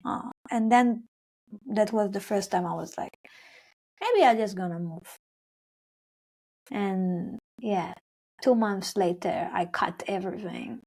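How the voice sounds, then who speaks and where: A medium-pitched, slightly rough and a little mellow voice moves at a slow pace with frequent pauses. The speaker is a young adult singer from Israel-Palestine, a Hebrew speaker narrating her story in English in an interview. She rambles with many fillers and restarts, voicing her past self's words.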